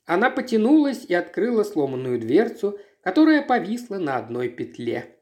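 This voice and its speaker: An audiobook narrator reading a literary story in a measured, expressive way. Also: mid-range voice.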